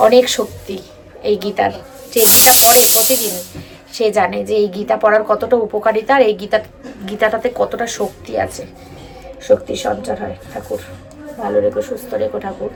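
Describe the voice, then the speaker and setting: A woman's voice: medium pitch, animated, moderate pace, vocal fry. A young woman, vlogging to her viewers in a casual, talkative way, with plenty of fillers. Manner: talkative, addresses viewers directly, many fillers. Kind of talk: casual chatty vlog to viewers.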